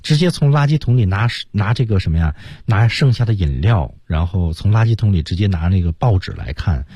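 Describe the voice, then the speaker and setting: A male radio teacher in a studio gives a bilingual English lesson in a low, husky voice. His pitch swings widely, and he leaps sharply upward when he demonstrates English phrases. The sound is dry and close. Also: lively intonation, fairly quick, warm tone, no echo. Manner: breaks into English phrases with big exaggerated pitch jumps to demonstrate them.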